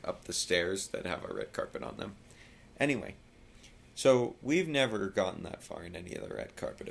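A tired man chatting casually in a home vlog, rambling and sometimes dropping his voice very low. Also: creaky, a bit bright, slight background noise. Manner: rambling, drops voice very low at times. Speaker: vlogger. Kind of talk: casual chat.

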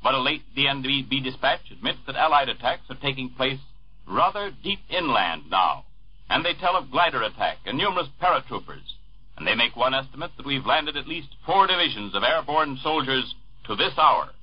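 A man reads the news in a formal, measured tone, his voice husky and slightly breathy. It comes through a dull, muffled 1940s radio broadcast recording, with the top end rolled off. He is a studio newscaster delivering bulletins. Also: mid-range voice, big pitch swings. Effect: old 1940s radio broadcast recording.

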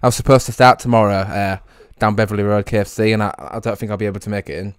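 A man's voice: fairly low pitch, steady tone, racing, clean tone, no room sound. A man in his twenties with an English accent, making casual prank calls in a hesitant, stammering way into a close microphone. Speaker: prank caller, video host. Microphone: close microphone on a boom arm.

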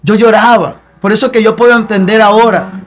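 Casting: young man, high-pitched, earnest testimony voice, repeats himself like a preacher. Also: steady tone, a little fast, a bit bright, a little hiss or hum. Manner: earnest, repetitive, preacher-like cadence. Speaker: guest giving testimony. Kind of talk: emotional personal testimony.

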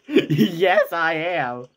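A man's voice: a little high, animated, very slow. A man chatting casually and playfully, teasing a friend as he records him. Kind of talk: casual chat.

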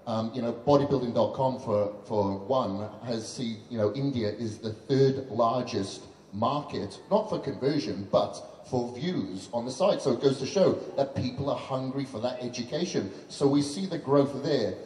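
A man in his thirties speaks on stage through a handheld mic in a big event hall. His voice is mellow and dark, and his talk is earnest and chatty. Long reverb rings around him, with a faint hum of noise behind. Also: mid-range voice, normal speed, hardly any pauses. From Western country. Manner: chatty, earnest, many fillers like "you know". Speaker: fitness trainer and guest speaker. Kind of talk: on-stage speech at a launch event. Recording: roomy hall echo with faint background noise.

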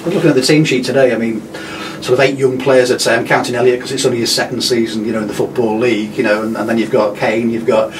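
Club interview guy, fast rambly questions, off mic, noisy room. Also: medium pitch, fairly even intonation. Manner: long rambling questions with fillers. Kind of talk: post-match interview. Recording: distant mic with room noise.

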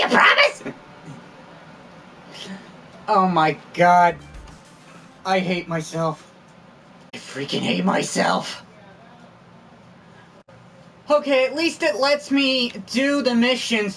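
A woman streamer grumbles and swears through her gameplay commentary, and her voice is sore. Her tone is bright and slow-paced, and it sounds a bit far from the mic, with game music behind her. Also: medium pitch, lively intonation, slight background noise.

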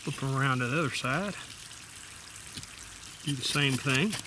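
A middle-aged man with a drawl explains each step in a plain, folksy way. His voice sits at an ordinary pitch. A water pump hums clearly behind him at an outdoor camp. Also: moderate pace. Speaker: outdoor survival vlogger. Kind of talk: casual how-to demonstration. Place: outdoor camp table in the woods. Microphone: camera mounted overhead. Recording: water pump noise in background.

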